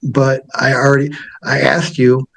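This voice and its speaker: Male defendant on a video call, mid-pitched, stubborn, combative in argument, keeps interrupting. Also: flat delivery, normal speed, creaky, a bit bright. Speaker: self-represented defendant. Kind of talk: arguing in court.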